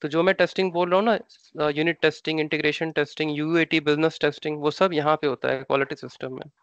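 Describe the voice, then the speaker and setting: A man's voice: a little high, fairly even intonation, fast talker, a bit bright, clean tone, no echo, highs cut off. A man with an Indian accent, an instructor explaining ideas step by step in a live online class, repeating terms and asking rhetorical questions. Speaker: SAP training instructor.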